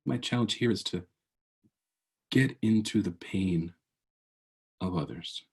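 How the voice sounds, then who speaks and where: A man in his forties speaks in a low, slightly husky voice, delivering a heartfelt motivational keynote. He talks with a preacher's earnest cadence and often restarts his phrases. He is heard over a video call. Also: slow pace.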